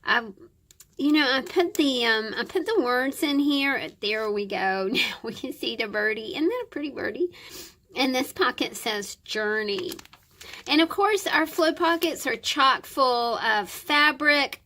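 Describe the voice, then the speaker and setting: Sitting high in pitch, her voice is expressive, pushed and bright, with a measured pace. She's a craft channel host chatting warmly as she shows off items, her throat scratchy and nose stuffed up, so she comes across croaky.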